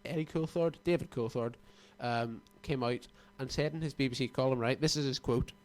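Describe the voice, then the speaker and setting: Fast-talking young man ranting about sport. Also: mid-range voice. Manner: opinionated, mocking rants. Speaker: sports radio co-host. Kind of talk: casual sports chat.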